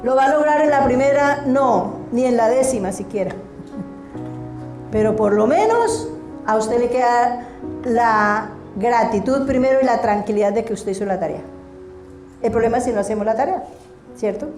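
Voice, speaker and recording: High-voiced woman preaching. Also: normal speed, echoey room, over music. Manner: emphatic, asks the congregation questions. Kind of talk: sermon. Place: church hall.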